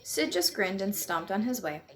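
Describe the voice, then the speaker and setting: Gentle woman reading a picture book. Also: mid-range voice, very animated, moderate pace. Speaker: storyteller. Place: at home on a couch.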